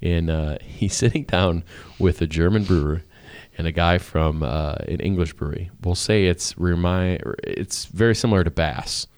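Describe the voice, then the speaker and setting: A man's voice: sits low, moderate pace, a little mellow, dry recording. A man hosting a brewing show in casual chat, laughing often and restarting his sentences.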